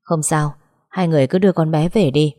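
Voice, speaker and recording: A woman voicing a stern but calm adult man in an audio story. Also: low voice, a little fast, lightly acted. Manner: firm, controlled.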